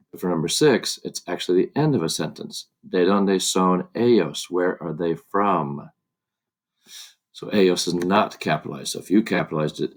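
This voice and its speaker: Low-voiced male Spanish teacher. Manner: patient, explains step by step, with repeats. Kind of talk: screencast lesson walkthrough. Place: at a desk with a laptop. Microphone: computer mic on a laptop.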